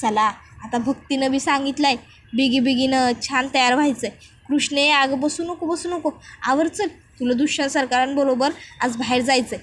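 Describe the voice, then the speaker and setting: A woman's voice: high-pitched, fairly even intonation, normal speed, close to an everyday voice. A woman voicing a stubborn rustic young village bride who talks in a fussy village dialect. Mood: cheerful.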